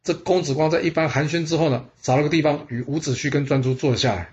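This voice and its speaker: A man's voice: fairly high pitch, quick pace, a little mellow, highs cut off. Man narrating history stories casually. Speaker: storyteller. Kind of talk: scripted history storytelling.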